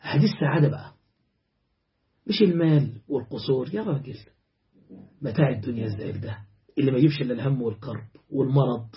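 A man with an Egyptian Arabic accent preaching a sermon, impassioned and rising to fervent exclamations, chanting verses slowly. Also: mid-range voice, lo-fi sound.

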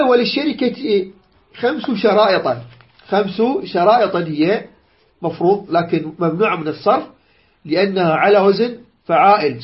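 A man teaching a lesson on jurisprudence, explaining a text unhurriedly, repeating key phrases and pausing with drawn-out "aah" sounds. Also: sits high, muffled recording.

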